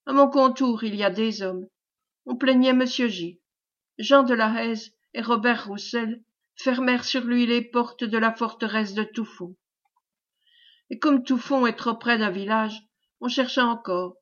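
A woman's voice: a little high, a bit bright. Woman reading as a fervent peasant storyteller. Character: humble peasant man telling a grim tale, fervent. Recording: dull lo-fi recording.

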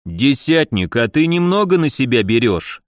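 A man's voice: medium pitch, sing-song, moderate pace, no echo, clean studio sound, lightly acted. A man voicing a haughty, powerful prince in an audiobook, drawling with scorn. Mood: scornful.

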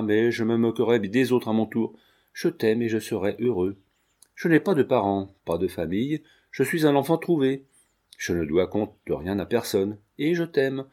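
A man's voice: medium pitch, warm tone, natural voice. A man reading a young male tailor who earnestly and tenderly pleads his love.

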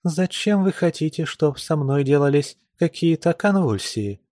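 A man reading a classic novel aloud, voicing a calm, composed young noblewoman with mild, lightly ironic speech. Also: a little high, unhurried, no echo, studio quality, pitched above the performer's own voice.

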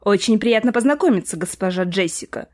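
A woman's voice: mid-range voice, animated, a little fast, a little mellow, close to an everyday voice. Woman reading as a cheeky bossy house spirit. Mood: teasing. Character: grumpy sarcastic male house spirit AI. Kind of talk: audiobook reading.

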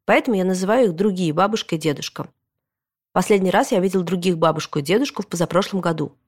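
A woman narrating a children's storybook aloud, with a lively, expressive reading in a boy's first-person voice. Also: lowish voice. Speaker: audiobook reader.

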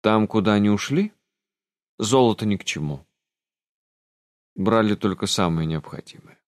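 A man's voice: lowish voice, lively intonation, moderate pace, no echo, clean studio sound, natural voice. A man voicing the grumpy, aloof master of an old castle in an audiobook, grumbling and condescending. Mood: sardonic.

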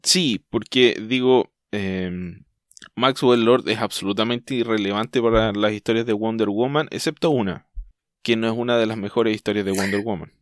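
A Chilean man hosting a podcast in casual chat, talking thoughtfully and often pausing to restart his sentences. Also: on the low side, no echo, clean studio sound. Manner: thoughtful, hesitant, trails off and restarts mid-thought. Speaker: podcast host.

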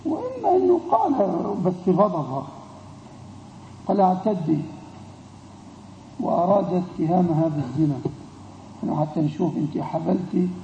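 A man teaching a classical legal text to students, pausing often to check that they follow. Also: high-pitched, big pitch swings, warm tone, slight background noise. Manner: explains with repeated checking questions to students. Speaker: Islamic scholar teaching a text. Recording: dull lo-fi recording in an echoey room.

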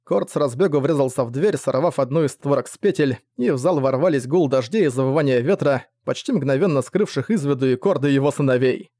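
A man's voice: mid-range voice, fast, few pauses, warm tone, no room sound. A man giving a vivid, dramatic scripted narration of a fantasy novel. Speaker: audiobook narrator.

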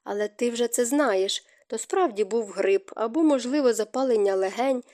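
A woman voicing a gentle, remorseful middle-aged stepmother who speaks softly and tearfully. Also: on the high side, normal speed, natural voice. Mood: sorrowful. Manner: soft, hushed, tearful delivery.

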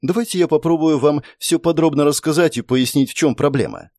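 A man voicing a serene, ageless female spirit who lives in a pendant, speaking melodically and calmly, in a storybook reading. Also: on the high side, brisk, no echo, clean studio sound, voice pushed up, lightly acted. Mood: calm, melodic. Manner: melodic, calm, explaining patiently.

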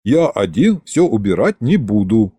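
A man's voice: on the low side, sing-song, a little slow, mellow, breathy edge, no room sound, exaggerated voice. A man voicing a grumbling little house spirit. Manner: grumbling, complaining.

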